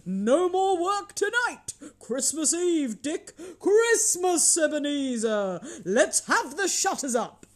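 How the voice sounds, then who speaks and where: A woman's voice: sits high, sing-song, drawn-out words, hardly any pauses, pitched above the performer's own voice, heavily acted. A woman voicing a jovial old male merchant in a storybook, with a rich, hearty voice and long, calling cries. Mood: jolly, bustling. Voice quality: rich, oily, fat, comfortable voice.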